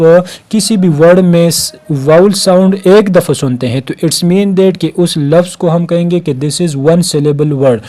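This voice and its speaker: This Pakistani teacher's mellow, somewhat high voice carries a recorded grammar lecture. He goes step by step, repeats words as he counts their syllables, and mixes English terms in with plenty of "uh" fillers.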